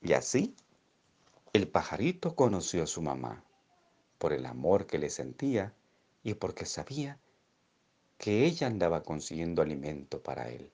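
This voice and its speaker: A man reading a children's story aloud in an expressive, drawn-out storytelling way. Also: low voice, vocal fry, slightly rough.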